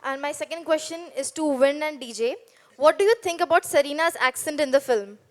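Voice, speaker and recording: A woman's voice: high voice, fairly quick. A woman reporter asking direct questions at a press conference.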